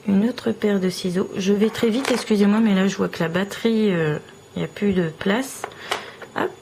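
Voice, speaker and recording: A woman vlogger showing off small trinkets one by one in a slow, admiring show-and-tell. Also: medium pitch, noisy background.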